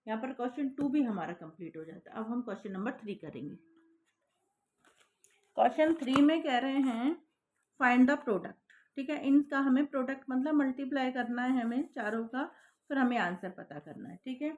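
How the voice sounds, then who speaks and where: A woman's voice: high voice, animated, moderate pace, a little mellow, a little hiss or hum. Patient woman teaching maths. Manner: patient, checks in with repeated "thik hai" and "hai na". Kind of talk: step-by-step classroom maths explanation.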